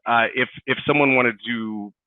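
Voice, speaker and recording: A man's voice: mid-range voice, fairly even intonation, normal speed, no echo. Man, interview host, casual chat, rambling restarts, tinny phone-like sound. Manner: rambling, restarts sentences often. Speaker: podcast host. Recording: tinny phone-like dry audio.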